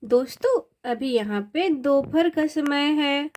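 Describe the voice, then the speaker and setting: A woman opens and narrates a children's doll story, greeting viewers and setting the scene in a friendly, explanatory way. Her voice is high. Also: animated, slow, a little mellow, a little hiss or hum.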